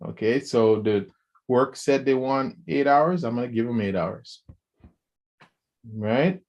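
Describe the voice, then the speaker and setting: On a lo-fi recording, a male podcast co-host with a mid-range voice takes things slowly yet stays animated and casual. He often starts over, repeats himself and performs quoted speech.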